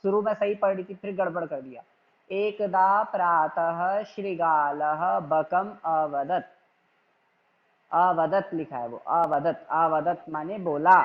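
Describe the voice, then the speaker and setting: A man teaching an online class, calmly but firmly correcting his students' reading and repeating himself until they get it right. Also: sits high, measured pace, highs cut off. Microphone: video call.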